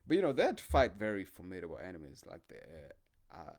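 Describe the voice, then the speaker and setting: A man's voice: sits low, huge pitch swings, fast talker, darkish tone. A man talking in a casual, rambling monologue full of hesitations and fillers. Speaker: podcast host.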